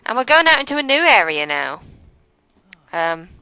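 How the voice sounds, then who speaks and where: A woman's voice: on the high side, very animated, normal speed, sharp tone, clear, resonant tone, dry recording, rough recording. A woman giving casual commentary over a video game, often stumbling over her words and poking fun at herself. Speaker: let's play commentator.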